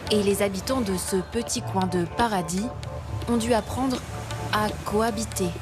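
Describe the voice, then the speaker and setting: A woman narrating a scripted nature documentary travel report in a measured voice-over with dramatic phrasing. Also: medium pitch. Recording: voice-over mixed with prominent music. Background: music under the voice.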